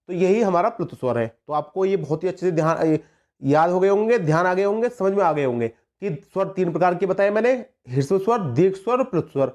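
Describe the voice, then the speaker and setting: A man with a high-pitched voice giving an exam prep lesson. He repeats each point and asks his students questions as he goes, mixing words into his teaching. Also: darkish tone. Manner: explains by repeating points and asking the class questions. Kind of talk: spoken lesson over slides.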